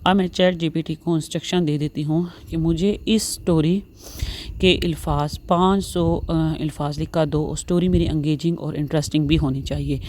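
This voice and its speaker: Narrating a step-by-step tutorial, this woman host keeps repeating her instructions and drops English words into what she says. Her voice is low and darkish, with slight background noise behind it.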